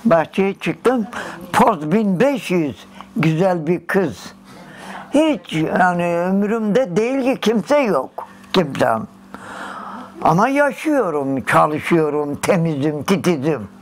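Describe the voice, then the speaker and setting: Elderly woman, slow emotional storyteller, interview testimony. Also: lowish voice, big pitch swings. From Dersim, Turkey. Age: older. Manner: slow, emotional, acts out the old dialogues. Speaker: interviewee, massacre survivor. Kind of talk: personal storytelling.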